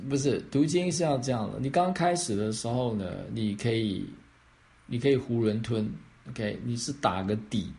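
A man's voice: medium pitch, normal speed, gravelly, darkish tone. Male pastor fielding questions; explanatory, checks understanding, mid-range voice. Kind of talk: answering questions on faith.

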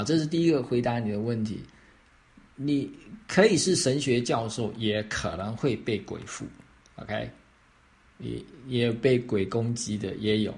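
A man's voice: mid-range voice, a little mellow. Male pastor fielding questions; explanatory, checks understanding, mid-range voice. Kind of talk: answering questions on faith.

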